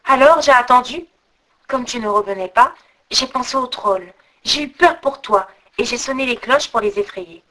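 A caring young village woman from a storybook, gentle and plain-spoken, voiced by a woman reading the tale. Her voice stays close to the reader's own. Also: sits high, animated, normal speed, heavily acted, rough recording.

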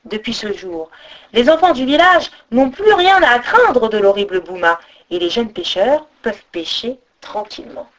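A woman reading a folk tale aloud as storyteller, expressive, with sung-out sound effects. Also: on the high side, normal speed. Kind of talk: storybook narration.

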